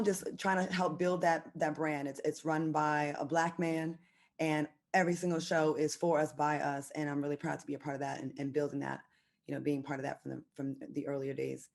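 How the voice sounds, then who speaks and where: A brash, self-assured woman in middle age introduces herself with joking confidence. Her voice sits low. She talks like a seasoned TV host. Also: steady tone, normal speed, creaky. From Rhode Island, USA.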